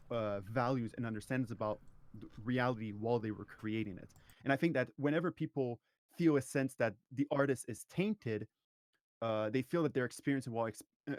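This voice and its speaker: A man's voice: mid-range voice, no room sound. Dry-voiced man musing at length. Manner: long-winded, thoughtful, frequent restarts. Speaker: podcast guest. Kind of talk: casual podcast conversation.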